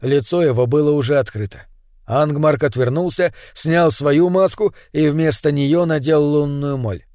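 A man reading an audiobook as narrator in an even storytelling manner. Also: a little high, normal speed, no room sound, clean studio sound.

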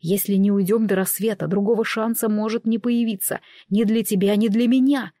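A woman's voice: mid-range voice, steady tone, a little fast, mellow, no room sound, studio quality, natural voice. A woman reading an audiobook, voicing a terse, protective grown man. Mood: urgent.

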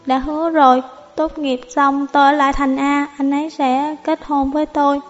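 A woman's voice: high-pitched, little pitch movement, normal speed, long reverb tail, voice pushed up, close to an everyday voice. A woman voicing a drunk, heartbroken young woman who rambles tearfully, over faint music. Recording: slightly dull audio, faint music.

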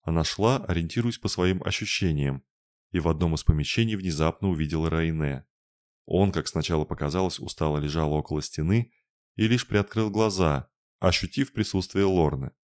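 Низкий мужской голос чтеца. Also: male voice, low-pitched, moderate pace, no echo, clean studio sound. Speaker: audiobook reader. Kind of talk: audiobook narration.

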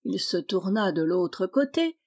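A woman's voice: mid-range voice, very animated, unhurried, a little mellow. French woman reading a fairy tale. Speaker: storyteller.

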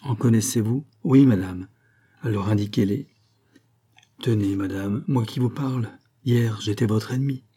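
A man's voice: lowish voice, warm tone, slightly rough. A man reading aloud, voicing a grave, respectful doctor who speaks frankly in a storybook reading. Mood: solemn. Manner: measured, solemn.

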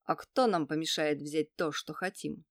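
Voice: mid-range voice, fairly even intonation, moderate pace, no room sound, natural voice. A hulking brute of a forest creature, crude and scornful, taunting as he looms, voiced by the audiobook reader. The sound is dry and close, with no room around it. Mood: leering. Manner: mocking, crude. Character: big brutish male forest creature, leering. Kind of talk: audiobook reading.

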